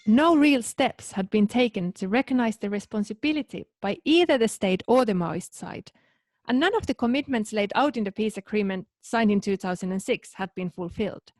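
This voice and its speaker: A woman from Finland, a researcher co-hosting a podcast, reading in a calm, explanatory way. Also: fairly high pitch, normal speed, dry recording. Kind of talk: scripted podcast narration.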